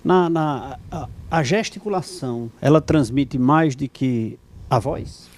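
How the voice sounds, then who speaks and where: Halting TV host asking questions. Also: male voice, mid-range voice, a little mellow. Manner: halting, repeats words when asking. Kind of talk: interview questions.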